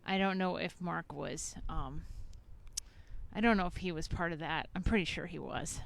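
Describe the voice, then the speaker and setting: A woman's voice: fairly low pitch, moderate pace, gravelly. A woman chatting in a rambling, playful way while she walks outside past a house, filming herself on a handheld camera. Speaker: author vlogger. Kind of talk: casual walking vlog. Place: outdoors by a house in spring. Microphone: handheld camera or phone.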